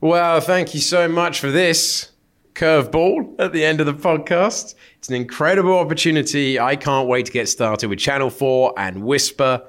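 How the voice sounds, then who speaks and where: Energetic podcast host, man. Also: fairly low pitch. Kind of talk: sports podcast chat.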